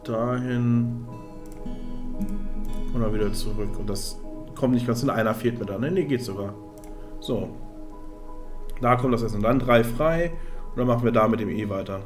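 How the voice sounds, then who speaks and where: A man's voice: medium pitch, normal speed, long pauses, music in the background. A man streaming a strategy game, thinking aloud, counting under his breath and chatting to his viewers. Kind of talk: casual live-stream gameplay commentary.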